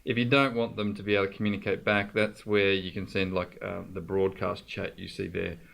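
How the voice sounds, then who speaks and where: Speaking with a fairly low voice, little pitch movement and some vocal fry, a man walks through software in a tutorial, a little fast. He keeps it informal and explanatory, addressing the viewer directly as he goes.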